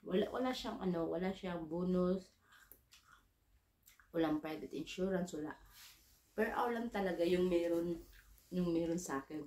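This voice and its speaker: A woman's voice: on the low side, moderate pace, pauses often, warm tone, reverberant. A Filipino woman, a domestic worker abroad, telling a casual story and acting out her own dialogue. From Philippines. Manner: chatty, mixes English into Tagalog, acts out dialogue.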